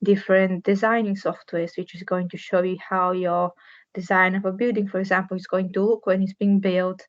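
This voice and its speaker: A woman's voice: mid-range voice, little pitch movement, moderate pace, muffled recording. A young woman from Bulgaria, a structural engineer, giving an earnest career talk to students, plain and searching for words at times.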